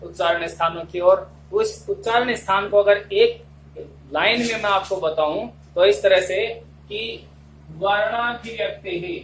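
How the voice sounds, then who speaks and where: Slow high-voiced male Sanskrit teacher. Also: a bit bright. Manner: slow, deliberate explanation, chanting verse syllable by syllable. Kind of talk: online exam-prep lesson. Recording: echoey room, voice off-mic, faint hum.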